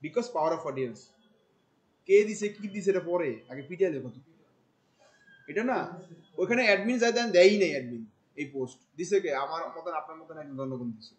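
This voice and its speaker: Guy teaching a marketing class, kinda high voice, keeps asking the room questions. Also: a little fast, poor audio. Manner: questions the class often, mixing in English words; colloquial, animated explaining. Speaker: marketing instructor. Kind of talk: classroom lecture.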